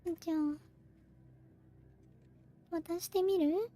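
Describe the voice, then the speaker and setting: A woman giving casual game commentary, musing aloud in short, soft phrases. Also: very high voice, steady tone, moderate pace. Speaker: game streamer.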